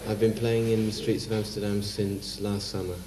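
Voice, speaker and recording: A man, a street performer interviewed for TV, talking calmly and hesitantly with many pauses. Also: lowish voice. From France, raised in England. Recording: roomy echo, distant mic.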